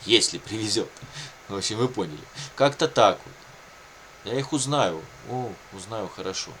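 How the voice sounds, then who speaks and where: A video blogger, Russian by first language, describes his personal situation to viewers in a loose, unscripted ramble, circling back repeatedly and dropping frequent catchphrases. His voice is fairly low and fairly bright, animated, at a moderate pace, with a little background hiss or hum.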